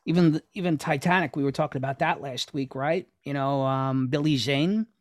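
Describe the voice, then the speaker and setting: A man's voice: fairly high pitch, moderate pace, no echo, clean studio sound. A man from New York co-hosting a podcast, chatting casually, agreeable and asking questions. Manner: agreeable, asks questions, many fillers. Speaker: podcast co-host. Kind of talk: casual chat.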